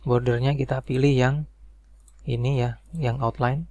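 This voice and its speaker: Male tutorial narrator, gravelly, dry close mic, mouse clicks behind; calm, step-by-step. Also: mid-range voice, a little slow, no room sound. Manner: calm step-by-step explaining, fillers like "nah" and "oke". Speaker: spreadsheet tutorial instructor. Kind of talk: screen-recorded software tutorial.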